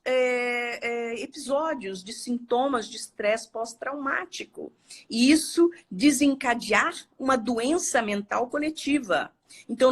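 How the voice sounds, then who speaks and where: A woman's voice: fairly high pitch, a bit bright. A woman with a Bahian Brazilian accent, a therapist talking expressively on a live video call and repeating words for emphasis. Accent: Bahian Brazilian Portuguese. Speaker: guest therapist. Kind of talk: live-stream talk. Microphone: phone or laptop on a live video call.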